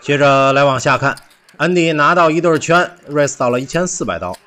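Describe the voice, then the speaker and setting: A man talks fairly quickly as he narrates recorded poker highlights in an animated voice-over, using exclamations and rhetorical questions throughout.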